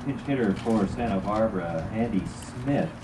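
A man announcing players over a ballpark loudspeaker, with formal, drawn-out introductions. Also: on the low side, background noise. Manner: measured, drawn-out announcing of names. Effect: stadium loudspeaker announcement, opened with a call for attention. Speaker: ballpark public address announcer. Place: outdoor baseball field. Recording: echoey loudspeaker heard from far off, with music.

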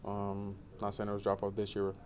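A young man in his twenties, a college football player, answering questions in a relaxed postgame press interview, with many fillers. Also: fairly low pitch, fairly quick. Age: 20s. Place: indoor media room before a banner.

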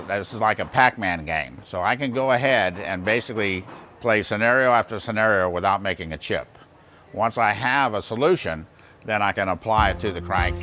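With a fairly low pitch and sharp tone, an American man in his sixties gives a folksy, plain-spoken, step-by-step demonstration of engine balancing equipment. The large indoor machine shop adds clear background noise.

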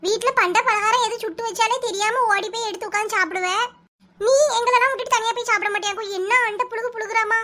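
A woman's voice: extremely high pitch, steady tone, quick pace, bright, forceful tone, slight background noise. A woman with a Kanyakumari Tamil accent voicing bossy, food-loving village aunties in a cartoon, scolding and teasing. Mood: demanding. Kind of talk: cartoon voice acting.

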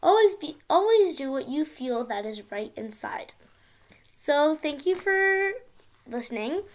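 High-pitched young girl reading to little kids. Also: very animated, a little slow. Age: child, around ten. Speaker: young video channel host reading a picture book. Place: small indoor room at home.

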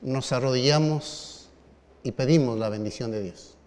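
Middle-aged man, pastor, storytelling sermon, medium pitch, long hall reverb. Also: darkish tone. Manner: measured, dramatic pauses, rising emphasis.

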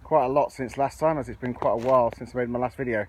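An amateur gardening vlogger gives a casual, chatty, off-the-cuff video tour of his allotment, filmed outdoors on a handheld camera or phone. His voice is medium-pitched, steady, fast and a little mellow. The outdoor handheld recording is clearly noisy.

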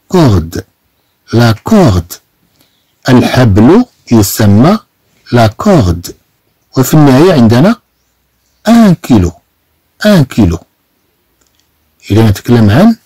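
A Moroccan man teaching French pronunciation in Moroccan Arabic, slowly repeating and stretching example words. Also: medium pitch, dark tone, breathy edge, no echo, low-quality recording. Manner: slow, drawn-out repetition of example words.

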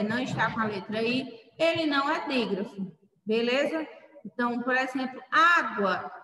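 A woman's voice: high voice, pushed and bright. A woman teacher patiently explaining a spelling lesson to children, spelling out letters one by one. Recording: echoey room, mic far off.

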